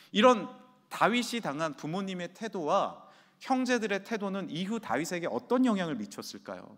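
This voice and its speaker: Male pastor, animated sermon delivery with a lively, fairly high voice, preached in a church sanctuary with a long hall reverb. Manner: animated storyteller, acts out quoted voices. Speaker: senior pastor.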